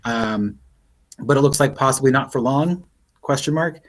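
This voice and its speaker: A male game master with a medium-pitched voice improvises narration for a tabletop game. He speaks haltingly, pausing to think as he sets out the scene.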